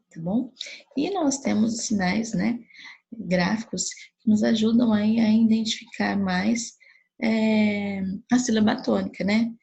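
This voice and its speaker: A Brazilian woman teacher talks through a grammar review in a patient, steady way, often pausing to check that the class follows. Her voice is very gravelly and rough. It is also strongly husky, with a breathy edge. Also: medium pitch. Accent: Brazilian Portuguese. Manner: patient explaining with frequent checks like "né?" and "tá?". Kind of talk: recorded grammar review lesson.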